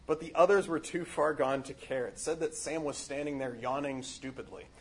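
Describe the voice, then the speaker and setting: A man's voice: on the high side, fairly even intonation, moderate pace, husky. A man giving a casual, earnest spiritual reflection on a book, rambling with many fillers and restarts.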